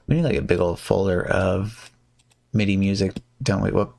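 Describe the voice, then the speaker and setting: A man with a low, gravelly voice chats casually through a live stream of a card game. He mutters and hums under his breath between moves and greets viewers as they drop in. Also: normal speed. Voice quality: gravelly, relaxed, hums and mutters while playing.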